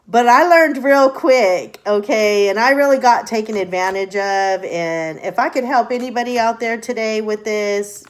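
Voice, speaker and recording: Older woman, tarot reader, unhurried blunt delivery, salty language, easy laughs. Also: mid-range voice. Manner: blunt and profane, laughs often. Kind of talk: casual advice talk to camera.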